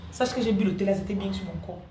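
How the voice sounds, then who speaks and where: Streaming live, a woman spiritual coach teaches quickly in a mellow, mid-range voice. Reverberation and slight background noise color the audio as she emphatically repeats key phrases and replies to viewers by name.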